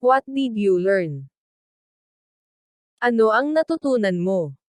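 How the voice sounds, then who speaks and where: Woman, language teacher, very slow careful reading, dry close sound. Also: medium pitch, expressive, darkish tone, dry recording. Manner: reads each phrase slowly and deliberately. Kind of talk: slow read-aloud translation drill.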